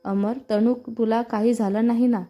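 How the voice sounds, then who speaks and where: A woman reading a storybook part as a worried young man, anxious and gently reproachful toward the girl he cares for. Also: fairly high pitch, flat delivery, normal speed, close to an everyday voice.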